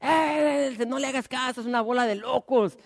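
A man's voice: very high voice, normal speed, creaky, no echo, clean studio sound, voice pushed up. A man voicing a mocking male gossip who scoffs at believers, speaking. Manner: jeering, dismissive.

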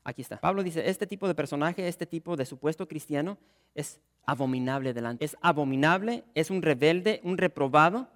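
A pastor delivers a sermon in a high voice, building to emphatic peaks and calling out to the congregation. His words ring with a long reverberation from the hall around him. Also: lively intonation, normal speed, a bit bright. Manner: preacherly, rising to emphatic peaks, addresses listeners as "tío" and "hermanos".

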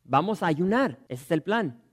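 A pastor preaches with a high, ringing voice. His delivery is impassioned, rising to loud emphasis and then dropping to hushed, low phrases as he reads and explains scripture. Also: very animated, normal speed, breathy edge. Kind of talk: sermon with scripture reading.

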